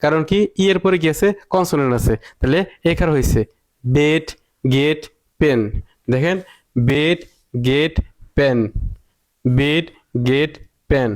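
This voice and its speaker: A man's voice: on the high side, slow pace, pauses often. A man teaching an online English reading lesson, repeating rules, quizzing the viewer and scolding critics.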